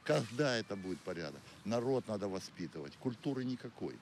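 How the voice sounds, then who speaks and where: A man's voice: lowish voice, big pitch swings, brisk, a little mellow, slight background noise. A man answering a street interview in a blunt, exasperated way. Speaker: passer-by.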